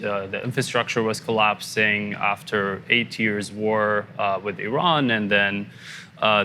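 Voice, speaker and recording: A man of about thirty from Iraq, a journalist, answering interview questions in a halting, thoughtful way with frequent restarts. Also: on the low side, pushed and bright, slight background noise. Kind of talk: interview conversation.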